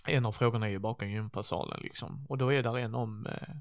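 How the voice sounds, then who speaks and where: A man playing a character in a role-play game, telling animated, swear-filled stories about the old days. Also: medium pitch, no room sound, clean studio sound. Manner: animated storytelling, lots of swearing. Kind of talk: in-character reminiscing chat.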